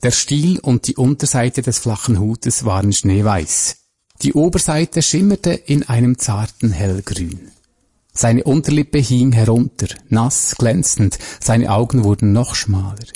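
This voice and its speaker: A man narrates a crime story at a measured, even pace. His voice is dark and mellow, with a husky edge. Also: mid-range voice.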